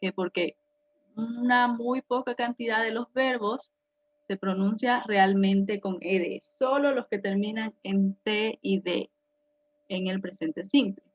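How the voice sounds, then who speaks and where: Slow, patient woman teacher. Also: medium pitch, fairly even intonation. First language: Spanish. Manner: slow and patient, checks in with "ok?" constantly. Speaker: English teacher. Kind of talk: classroom lesson explaining pronunciation. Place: classroom. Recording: dull lo-fi classroom recording.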